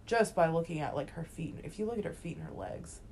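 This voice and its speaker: A woman's voice: low-pitched, fast talker, gravelly, a little mellow. A woman in her twenties co-hosting a podcast, chatting bluntly and swearing freely. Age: 20s. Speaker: podcast co-host. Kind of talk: casual chat. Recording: faint background noise.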